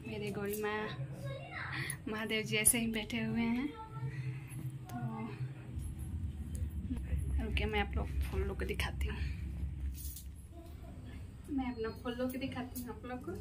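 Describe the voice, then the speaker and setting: A woman talking casually to her viewers in a home vlog, speaking softly and often near a whisper. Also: on the high side, steady tone, slow, long pauses, noisy background. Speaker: vlogger.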